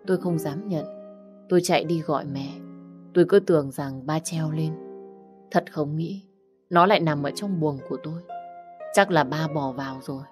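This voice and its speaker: A woman narrating a dramatic first-person story. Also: sits low.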